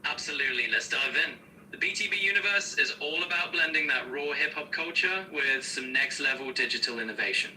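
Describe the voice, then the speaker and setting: A man's voice serving as an AI co-host, answering questions in a smooth, upbeat, explanatory way with casual slang. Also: a little high, fairly quick, sharp tone, recorded from a distance, a little hiss or hum, poor audio. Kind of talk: conversational Q&A co-hosting.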